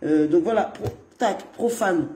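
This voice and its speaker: A talkative woman hosting a casual livestream and greeting viewers as she goes. Her voice is dark and mellow, and it rings around a roomy, echoey space. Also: fairly low pitch, unhurried. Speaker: livestream host. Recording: roomy echo.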